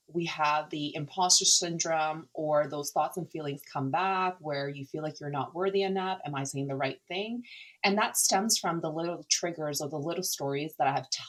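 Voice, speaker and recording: The audio is poor, and her voice sits low. She is a middle-aged woman from Canada whose native language is Cantonese, founder of a nonprofit, talking candidly in a podcast interview in an earnest, reflective way that includes hesitations and restarts.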